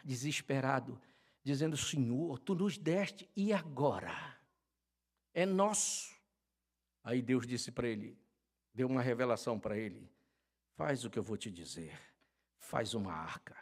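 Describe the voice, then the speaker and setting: An older Brazilian man preaching a sermon as a pastor, fervent, swinging from loud shouted calls to quiet storytelling. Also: medium pitch, moderate pace, pauses often. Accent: Brazilian Portuguese. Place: church.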